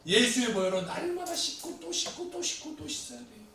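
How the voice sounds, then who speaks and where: A man preaching a sermon as pastor to his congregation, swinging between loud pleas and quiet asides. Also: very high voice, very animated, a little fast, gravelly. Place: church sanctuary. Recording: echoey church hall from a distant mic, faint room noise.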